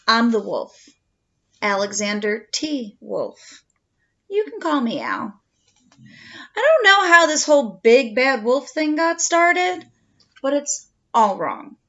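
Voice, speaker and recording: Storybook wolf played by a woman: chatty, indignant, self-justifying, highish and lively, theatrical stresses. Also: takes it slowly, pauses often, exaggerated voice. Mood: confiding. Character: male storybook wolf, folksy, indignantly pleading his innocence. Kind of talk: read-aloud children's storybook narration in first person. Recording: dull home recording.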